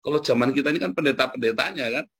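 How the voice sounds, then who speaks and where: A man's voice: medium pitch, racing, a bit bright, breathy edge. A male pastor giving a chatty sermon, often calling out to his listeners and chuckling. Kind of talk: conversational sermon.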